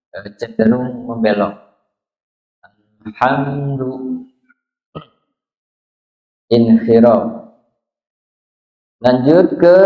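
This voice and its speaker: A man teaching the pronunciation of Quranic letters in a small prayer room, patiently demonstrating sounds and drawing out recited words. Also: mid-range voice. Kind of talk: slow Quran pronunciation lesson. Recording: roomy, dull lo-fi sound.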